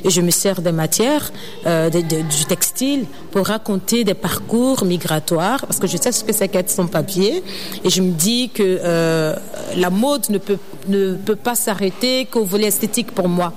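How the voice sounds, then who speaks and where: A young woman from Ivory Coast, a student designer and activist, answering interview questions earnestly, often pausing with fillers. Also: mid-range voice. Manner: earnest, hesitant with many fillers.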